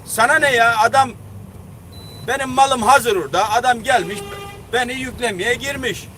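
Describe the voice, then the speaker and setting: Heated man in his thirties, truck driver, high-pitched voice, vlogging by a loud road. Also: moderate pace. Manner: heated, indignant, swearing, acts out both sides of a quarrel. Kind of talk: angry casual storytelling vlog. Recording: noisy roadside traffic. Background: vehicles and outdoor traffic.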